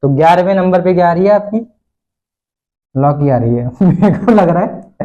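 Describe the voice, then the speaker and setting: A man's voice: high voice, animated, normal speed, warm tone, lo-fi sound. A male teacher giving an online lesson in a playful way, repeating each question and answer and laughing often.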